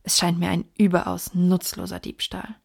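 A woman reading the part of a sharp male detective in an audiobook, in a measured, lecturing way. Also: fairly low pitch, completely flat delivery, gravelly, slightly rough. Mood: reasoning. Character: sharp, precise male detective explaining deductions.

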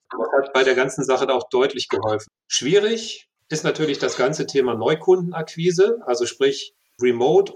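A man, a sales director, answering questions in a business interview, often restarting and repeating words as he thinks. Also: mid-range voice.

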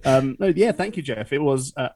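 A man's voice: medium pitch, animated, moderate pace, a little mellow, low-quality recording. A young man chatting as a podcast guest, laughing often and poking fun at himself. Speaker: podcast guest, cruise ship entertainer. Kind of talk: casual interview chat.

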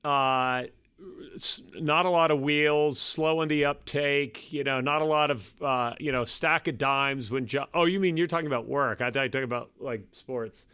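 Male podcast guest in his 50s, self-deprecating, halting, dry sound. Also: mid-range voice, pushed and bright, clear, resonant tone, no room sound. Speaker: guest, private equity partner. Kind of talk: casual podcast interview.

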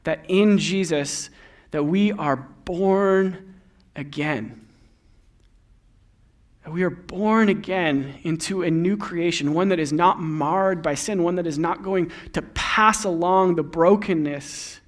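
A young man delivers a sermon in a casual, anecdotal style. His voice sits high for a man. He moves easily between scripture and everyday stories, sounding like a pastor talking with his own congregation. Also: slow. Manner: conversational, storytelling with laughs.

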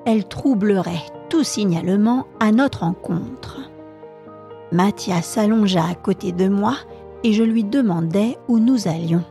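A woman storyteller reading a classic novel aloud for a podcast in a calm, measured way. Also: medium pitch.

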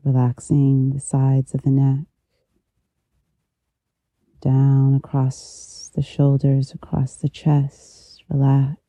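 Very mellow, slow meditation guide, close in the ear. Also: medium pitch, completely flat delivery, no room sound. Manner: slow, unhurried, gentle pauses. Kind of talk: guided meditation, soothing instruction.

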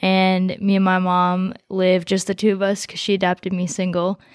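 Monotone teenage girl telling her story. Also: lowish voice, normal speed, clear, resonant tone, dry recording, studio quality. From United States. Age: teens. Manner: relaxed, rambling with fillers. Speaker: guest. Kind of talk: casual conversation, personal story.

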